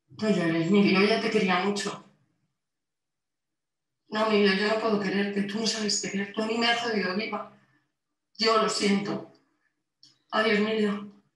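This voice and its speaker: A woman's voice: medium pitch, lightly acted. An actress with a Spain Spanish accent playing a harassed woman who argues tensely with her ex over the intercom, pleading and exasperated. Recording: echoey distant playback in a hall.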